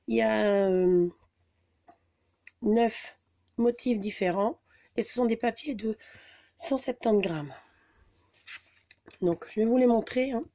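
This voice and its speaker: Woman vlogger, mellow and warm, chatty and halting, recorded on a camera mic at her table. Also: fairly high pitch. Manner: chatty, hesitant, many fillers. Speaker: scrapbooking vlogger. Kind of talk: casual haul video.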